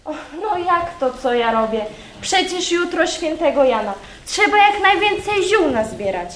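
A woman's voice: very high voice, sing-song, unhurried, a bit bright, slight background noise, exaggerated voice. A woman acting a bossy, gossipy village aunt in an amateur folk stage play, scolding in folksy rural speech. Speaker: stage actor in a school theatre group. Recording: roomy hall with faint ambience.

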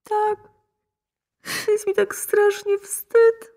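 A very high-pitched, desperate mother in a radio drama, played by a woman. She pleads slowly and tearfully, by turns shocked and protective. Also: monotone, gravelly, warm tone, exaggerated voice. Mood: tender.

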